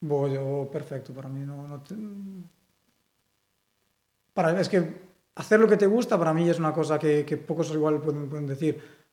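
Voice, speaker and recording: A man's voice: a little high, normal speed, long pauses, roomy sound. A young Galician man with a Galician Spanish accent, giving a casual interview and rambling with lots of fillers. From Galicia, Spain. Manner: relaxed, rambling, many fillers. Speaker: interviewee, sculptor.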